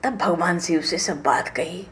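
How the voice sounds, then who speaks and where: A woman giving a devotional scripture storytelling discourse, moving between hushed asides and raised emphasis. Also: fairly low pitch, measured pace, a little hiss or hum.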